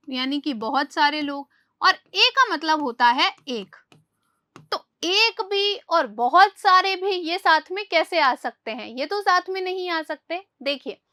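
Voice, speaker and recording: A woman teaching English grammar, who asks questions and answers them herself, slowing down to read English example sentences. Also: high voice, sharp tone, no room sound, clean studio sound. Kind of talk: spoken grammar lesson.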